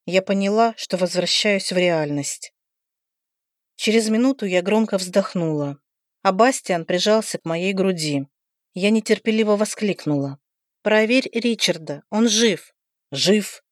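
A woman narrating a first-person fantasy audiobook in an even, expressive storytelling manner on a close mic. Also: mid-range voice, moderate pace, no echo.

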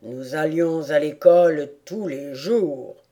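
A woman voicing a sad, sobbing female mock turtle with a calf's head in a storybook reading, slow, loud and lamenting. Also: low voice, pitched below the performer's own voice. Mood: mournful. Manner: slow, mournful and loud, turning indignant.

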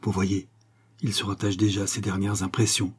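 A man voicing a calm, stern doctor who speaks with assurance. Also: medium pitch, quick pace, breathy edge, natural voice. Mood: confiding. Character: stern, confident male doctor.

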